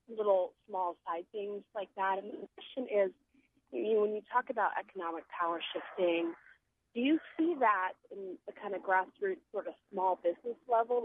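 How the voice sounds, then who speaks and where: A woman's voice: medium pitch, animated, moderate pace. A woman from Morocco calling in to a radio show, asking her question politely with a little hesitation. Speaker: caller. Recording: phone line with faint noise.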